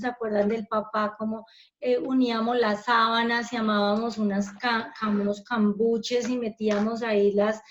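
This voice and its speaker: A woman from Colombia, a pastor, telling family stories in an animated way during a church workshop talk. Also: fairly high pitch, muffled recording.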